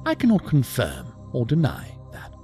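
A man's voice: mid-range voice, wildly swooping pitch, moderate pace, darkish tone, soft background music. An actor playing a cryptic, coolly condescending male intelligence operative in a science fiction audio drama, with stilted, pedantic, precise diction. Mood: guarded, formal.

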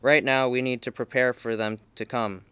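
A man's voice: medium pitch, fairly even intonation, normal speed, pushed and bright, clean tone, no echo, close to an everyday voice. A man reading aloud, voicing a frustrated adult son arguing with his family. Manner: heated, frustrated.

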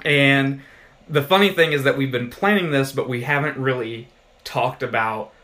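A man's voice: mid-range voice, moderate pace, sharp tone. A man co-hosting a podcast in casual chat, rambling with lots of fillers and restarts. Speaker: podcast co-host.

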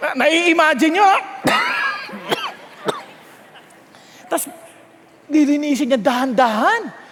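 A male preacher giving a sermon, telling stories and swinging from hushed tones to shouting, with English phrases mixed in. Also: extremely high pitch, lively intonation, normal speed, background noise. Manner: mixes English phrases into the talk. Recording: long hall reverb.

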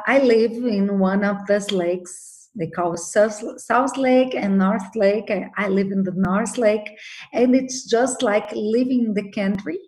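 Heard on a rough recording, a fifty-something attorney and novelist from Brazil speaks in a medium, slightly mellow voice with a Brazilian Portuguese accent. She responds to the interviewer haltingly, leaning on plenty of fillers.

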